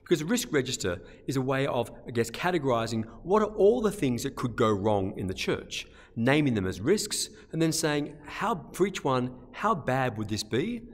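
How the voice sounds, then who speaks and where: Aussie priest giving a homily, voice goes up and down a lot, lots of church echo. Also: male voice, mid-range voice, very animated, moderate pace, few pauses. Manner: gentle, conversational, with frequent repetitions. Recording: long church reverb.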